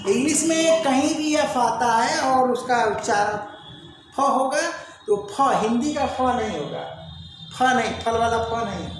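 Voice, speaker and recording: A woman's voice: sits high, animated, unhurried. A woman teaching an English grammar lesson, drilling pronunciation with repeated quiz questions to her students. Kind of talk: classroom-style grammar lesson. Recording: very echoey room, faint background noise.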